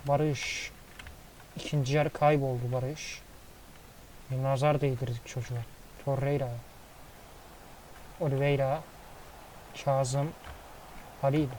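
Excitable man calling a football game. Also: mid-range voice, slow, pauses often, a little hiss or hum, low-quality recording. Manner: excitable play-by-play, swears casually. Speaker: gaming commentator. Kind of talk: casual football game commentary.

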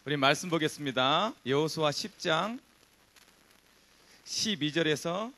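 A man's voice: fairly high pitch, animated, a little slow, bright, forceful tone. A man in his thirties, a preacher opening his sermon and reading scripture aloud to the congregation on a handheld mic. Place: church hall stage before a seated crowd.

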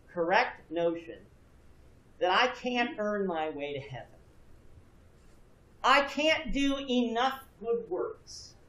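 In a church classroom equipped with a projection screen, a man in his thirties earnestly teaches a Bible class and puts questions to students. His voice sits high and a bit bright, captured echoey from a distant camera with no visible mic.

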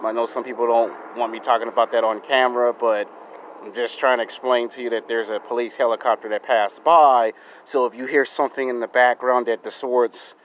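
An American YouTube vlogger in his thirties, with a mid-range voice, delivers a deliberate monologue to his subscribers in short, emphatic, repetitive phrases. He's outdoors in a residential yard holding a phone close to his face, and the audio sounds dull and lo-fi.

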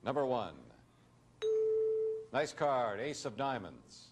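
A middle-aged American man hosts a game show in a television studio, announcing each move with suspense in a commentary style. He speaks slowly in a mid-range voice with lively intonation, and the vintage TV studio recording is noisy.

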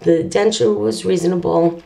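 A woman wearing dentures, giving a candid, conversational personal update in a casual video, halting now and then with fillers. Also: lowish voice, fairly even intonation, gravelly, warm tone, low-quality recording. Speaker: vlogger.

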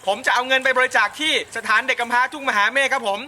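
A man's voice: very high voice, fast, sharp tone. A man speaking for an ice bucket challenge video, exclaiming breathlessly as if in ice cold water. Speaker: company steel seller taking a charity challenge. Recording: noisy amateur video with background noise.

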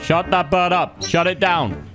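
A young man giving loud, teasing gameplay commentary and bantering with strangers, breaking into sudden excited shouts. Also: sits high, unhurried, music in the background. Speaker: gaming YouTuber.

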